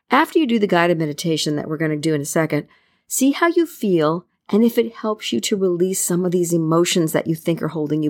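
A woman's voice: medium pitch, no room sound. A woman with a mid-range voice leads self-help talk and guided meditation. She is encouraging and instructive, addressing the listener directly. The sound is dry, with very little room to it.

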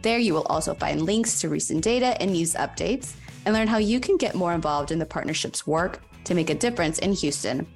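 A woman hosting a business podcast, asking questions and reading sponsor messages in an upbeat, steady way. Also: fairly low pitch, fairly quick, creaky, faint music behind. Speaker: podcast host. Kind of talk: podcast interview and sponsor reads.

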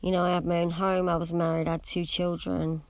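Woman, middle-aged, slightly low voice, speech with braces, candid reflective podcast monologue, hesitant and meandering, dry close sound. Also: flat delivery, a little fast, darkish tone, no room sound. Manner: speaking with braces, occasionally imprecise pronunciation. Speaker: podcast host. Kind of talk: reflective personal monologue on self-acceptance.

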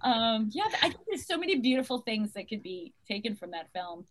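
A woman, an actress guest, telling anecdotes in an excitable, rambling way and laughing often. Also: on the high side, brisk.

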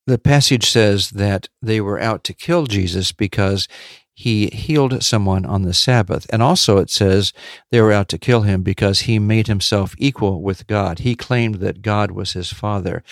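A man with a fairly low voice gives a devotional teaching, measured and steady. He repeats his key points for emphasis, heard close and dry with no room around him. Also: no room sound. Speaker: podcast Bible teacher.

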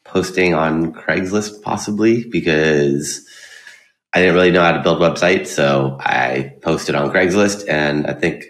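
Male podcast guest, bass-deep pitch, plain conversational answers, noticeably roomy recording. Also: unhurried. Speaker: podcast guest, digital marketing expert. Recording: roomy, echoey sound.

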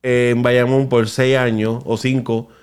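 A man's voice: mid-range voice, flat delivery, slow, darkish tone, smooth. A man from Puerto Rico with a Puerto Rican Spanish accent, co-hosting a casual podcast chat and joking around, slipping English words into his Spanish. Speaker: podcast co-host.

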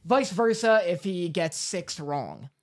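A man's voice: high voice, big pitch swings, slow. A man co-hosting a podcast in casual chat, acting as quizmaster for his friend. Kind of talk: casual chat, running a quiz.

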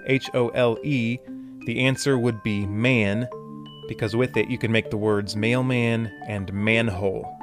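A man hosting a puzzle podcast in a conversational way with wry, jokey asides, recorded in a small closet. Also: medium pitch. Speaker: podcast host. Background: music.

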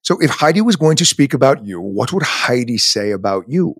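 A man hosting an interview, chatty and gushing, and quick to laugh. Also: medium pitch, very animated, husky, no echo. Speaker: interview host.

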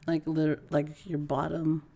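A woman co-hosting a casual chat, animated and laughing often, who grew up in a Filipino bilingual household. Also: low-pitched, unhurried. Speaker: podcast co-host.

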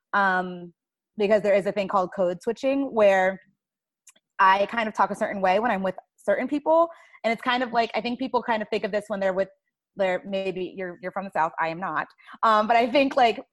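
A woman's voice: medium pitch, dry recording. A woman speaking informally and thoughtfully in a conversational panel discussion, explaining things as she goes. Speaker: child life specialist, guest.

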